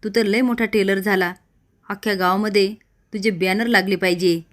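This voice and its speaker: A woman's voice: mid-range voice, steady tone, moderate pace, lightly acted. Brief: blustering older village patriarch and wrestler, scolding and bossy, read out by a woman narrator.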